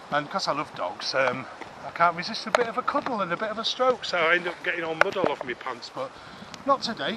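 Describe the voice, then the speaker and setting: A middle-aged man narrating a casual walking vlog in a chatty, self-deprecating, rambling way, slightly out of breath, recorded on a camera mic. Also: a little high. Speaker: vlogger. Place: outdoors on a woodland walk. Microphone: camera-mounted mic while walking. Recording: outdoor noise and clicking.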